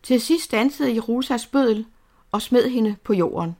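A woman narrating a novel aloud in a steady, measured storytelling manner. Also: fairly high pitch. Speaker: audiobook narrator.

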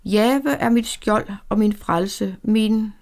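A woman voicing an anxious old grandfather who speaks softly and prays in a hushed, pleading way. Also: mid-range voice, close to an everyday voice. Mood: pleading prayer. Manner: soft, hushed pleading prayer.

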